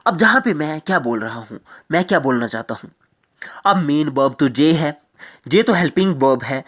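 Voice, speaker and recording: A man from Jammu and Kashmir teaches grammar through explanation, slowly repeating every point alongside English examples. His voice sits high with a fairly bright tone.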